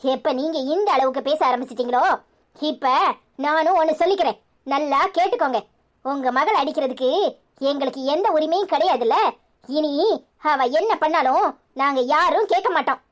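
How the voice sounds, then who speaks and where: A woman's voice: sits high, moderate pace, lightly acted. A woman voicing a defiant young daughter-in-law in a cartoon serial, speaking firmly and reproachfully with a Tirunelveli Tamil accent. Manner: firm and reproachful.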